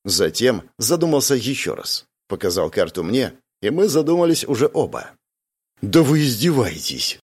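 Audiobook: a male first-person narrator with an animated, expressive reading. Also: medium pitch, normal speed, hardly any pauses, breathy edge. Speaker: audiobook reader.

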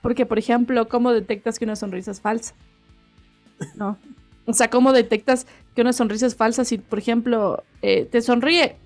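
A talkative woman co-hosting a casual podcast over a video call. Her voice sits a little high, with a gravelly fry running through it. Soft music plays faintly underneath. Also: steady tone, normal speed. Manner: talkative, rambling, many restarts. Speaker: podcast co-host. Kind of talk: casual chat.

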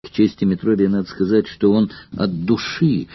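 A man narrating a novel in a measured, expressive audiobook reading. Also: lowish voice, breathy edge, dry recording. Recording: slightly dull lo-fi recording.

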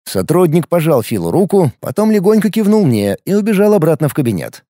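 A man narrating a first-person audiobook in an ironic, lively storytelling manner, close to the mic. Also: fairly high pitch, brisk, no room sound.

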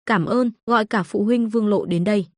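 A woman's voice: mid-range voice, a little fast, no room sound, clean studio sound, lightly acted. A woman voicing a stern, protective rich father in an audio story, curt and cold.

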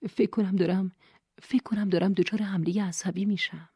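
A woman's voice: mid-range voice, steady tone, mellow, husky, dry recording, studio quality. A woman voicing an anxious young woman who hesitates and stammers as she speaks, in an audiobook reading. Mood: nervous. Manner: hesitant, stammering, halting restarts.

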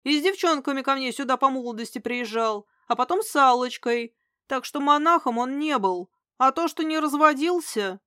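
A woman reading aloud as a blunt, gruff older village man who speaks emphatically and flares up easily. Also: a little high, fairly bright tone, no room sound, studio quality, natural voice. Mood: indignant. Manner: emphatic, outspoken, quick to flare up.

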